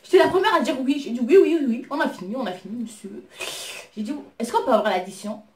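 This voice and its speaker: A woman with a fairly high voice tells a personal story in an easygoing, conversational way, heating up into indignant retellings of her own replies. The room around her has a noticeable echo. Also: very animated, fast talker. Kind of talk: casual storytime chat. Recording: roomy echo.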